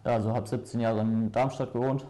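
A man's voice: medium pitch, steady tone, fairly quick, dark tone. A young man from Spain giving short, hesitant answers with many fillers as a studio guest. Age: young adult. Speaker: student mentor, guest.

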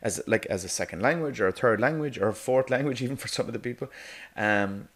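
An Irish negotiation coach narrates a course as a voice-over for an animated whiteboard video, keeping it chatty and loose. His mid-range voice is a bit bright, and he keeps checking in with "okay?", fills pauses with "um", and laughs lightly mid-sentence.

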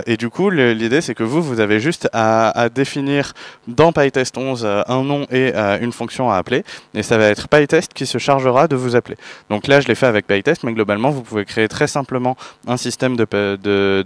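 A man's voice: mid-range voice, smooth, no echo. A man from France giving a technical conference talk, hesitant, with many fillers and restarts. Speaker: conference speaker.

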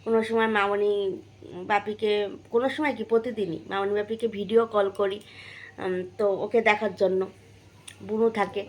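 A woman's voice: medium pitch, steady tone, moderate pace, long pauses, darkish tone, low-quality recording. A young woman from West Bengal, chatting casually to her viewers in a vlog, with many fillers and restarts. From West Bengal, India. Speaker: vlogger.

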